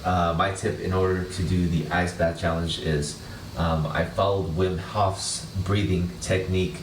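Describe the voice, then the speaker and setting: A man with a low voice shares tips casually with viewers. His delivery is halting and cautionary. The mic is some way off, with clear noise around him. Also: little pitch movement. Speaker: guest sharing challenge tips. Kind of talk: casual chat to camera. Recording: distant mic, echoey, noisy surroundings.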